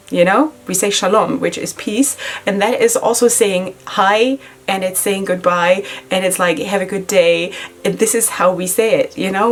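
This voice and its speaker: There's a little hiss or hum behind this medium-pitched middle-aged woman, a non-native English speaker doing a casual makeup tutorial at home in Israel. The beauty vlogger is chatty, laughs often, and leans on fillers such as "you know" and "like."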